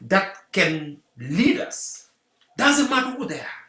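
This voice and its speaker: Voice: mid-range voice, big pitch swings, takes it slowly, pushed and bright. A guest from Senegal, giving an earnest talk on community unity and repeating rallying phrases. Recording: roomy echo.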